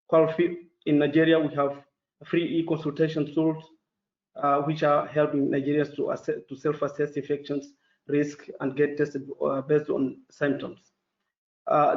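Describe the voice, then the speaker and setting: This panelist, a man from Mozambique who speaks Portuguese as his first language, has a slightly high voice. He delivers a formal webinar presentation carefully and haltingly, with lots of fillers, over dull, echoey video call audio.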